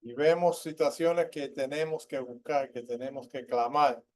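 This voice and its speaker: A man preaching a sermon in church who keeps asking the congregation questions and rises in pitch and volume to stress his points. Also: fairly even intonation, a little slow, darkish tone. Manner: asks the congregation questions, tags lines with ¿verdad?.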